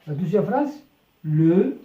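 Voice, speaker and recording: A French teacher giving a beginner phonics lesson, stretching out syllables and repeating each word slowly. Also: medium pitch, lively intonation, far from the mic, narrow, tinny audio. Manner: slow, drawn-out syllables, repeating words. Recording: echoey room, voice from off the mic.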